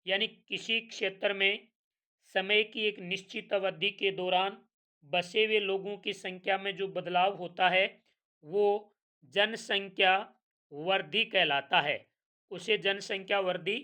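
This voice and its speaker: Slow, bright-voiced Hindi-accented woman teacher. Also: mid-range voice. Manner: slow, repeats answers with quiz questions. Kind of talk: exam revision lesson.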